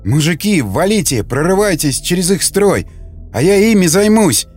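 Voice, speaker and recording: A man voicing Vasnetsov, a desperate male survivor losing his grip in a nuclear winter, shouting in frantic bursts, with faint music behind. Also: sits high, big pitch swings, normal speed, slightly rough, pitched above the performer's own voice, exaggerated voice.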